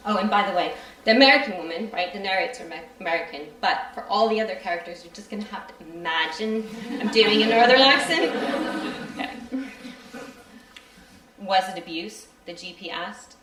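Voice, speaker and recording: A woman reading aloud from her own novel at a live event, chatty in her introduction and steady in the reading. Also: medium pitch, fast talker. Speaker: creative writing student reading her novel. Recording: roomy hall from far off.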